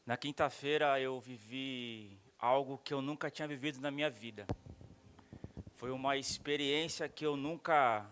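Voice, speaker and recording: A man's voice: mid-range voice, unhurried, a bit bright, slight background noise. A man, a pastor giving an earnest, emotional testimony sermon in a church. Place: church sanctuary.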